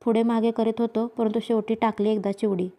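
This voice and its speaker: A woman reading a story aloud in a steady, even storybook manner. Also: fairly high pitch, fairly quick. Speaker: reader.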